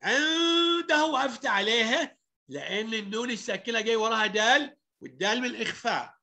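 A man with an Egyptian accent teaching children Quran recitation over a video call, explaining rules and reciting verses slowly with stretched sounds. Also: high voice, vocal fry, bright, forceful tone. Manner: coaxing questions to children, calls them heroes.

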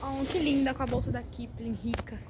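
A teenage girl chats and laughs into a phone held at arm's length as she walks along outside. Her voice is high, and steady street and traffic noise runs underneath it. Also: brisk. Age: teens. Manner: chatty, laughing. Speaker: vlogger. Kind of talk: casual vlog chat.

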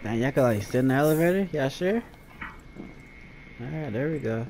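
A man's voice: medium pitch, expressive, moderate pace, a little mellow, slight background noise. A man chatting casually with teammates while playing an online shooter, laughing often and bantering easily. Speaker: gamer streaming his match. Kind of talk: casual gaming chat.

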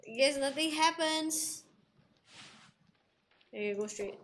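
Bright high-voiced woman gaming streamer. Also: slow, a little hiss or hum. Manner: excitable, squeals and laughs at the characters; thinks aloud while playing. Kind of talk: let's play commentary.

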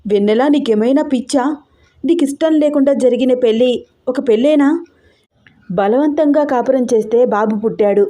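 A woman voicing a lovesick, insistent young man who speaks in a lowered, pressing voice in an audio story. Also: moderate pace, warm tone, lightly acted.

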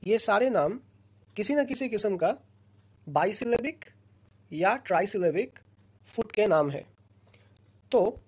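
A woman teaching a recorded lesson, explaining slowly and patiently in short phrases with pauses between them. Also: medium pitch, darkish tone. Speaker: lecturer.

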